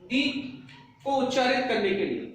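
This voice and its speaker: A man's voice: very high voice, big pitch swings, a little slow, a bit bright, far from the mic. A man teaching English pronunciation, explaining rules step by step and asking the class questions he then answers himself. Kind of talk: pronunciation lesson. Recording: echoey room, mic set back.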